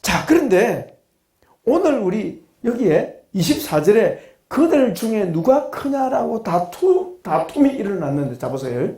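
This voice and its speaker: A man pastor teaching a Bible class in a sermon style, animated and humorous, firing rhetorical questions at his listeners. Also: high-pitched, slow, roomy sound. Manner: humorous, acts out blunt reactions. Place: classroom of a study institute.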